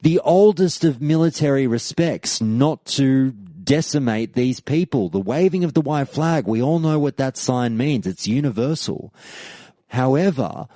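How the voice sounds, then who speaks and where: In an expressive, unhurried, dark mid-range voice, a podcast host argues through a scripted monologue, reading forum posts in an emphatic, debate-like, rhetorical way. The recording is dry.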